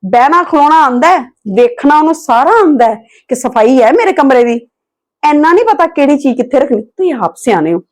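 A woman's voice: sits high, expressive, a little fast. A young woman, playing a sensible wife who firmly lectures her husband about his sister.

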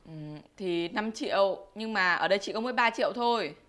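A woman's voice: medium pitch, brisk, fairly bright tone, lightly acted. A young woman acting a sheepish, pleading student in a comedy sketch. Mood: worried.

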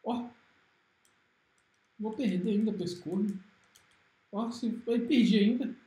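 A man with a Brazilian Portuguese accent giving excitable, trash-talking commentary while streaming a fighting game. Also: sits high, slow, reverberant. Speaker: gaming streamer. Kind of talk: live gameplay commentary.

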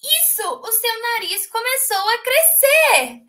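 A woman teacher tells a children's story, switching between two languages line by line. Her voice is very high, bright and swooping. She speaks slowly and throws in dramatic gasps. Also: sing-song. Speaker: English teacher. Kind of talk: bilingual storytelling lesson.

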